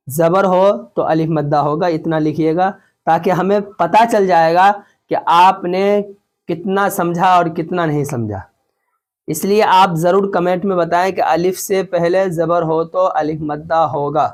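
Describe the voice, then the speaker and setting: A man teaching Quran reading in an online lesson, spelling out letters and syllables slowly, then explaining quickly and checking that students follow. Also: high voice. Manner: repeats and checks understanding often.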